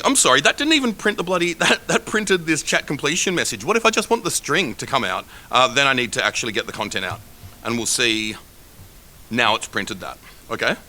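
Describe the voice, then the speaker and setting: Bright-voiced joking male instructor. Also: mid-range voice. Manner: joking, casual, rambling asides. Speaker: workshop instructor. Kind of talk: live coding workshop lecture.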